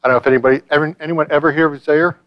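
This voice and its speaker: A middle-aged man from Chicago, a pastor who prays and then preaches, telling stories in an animated way and repeating his phrases. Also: on the high side, racing, no room sound, lo-fi sound. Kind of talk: sermon with prayer. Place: church.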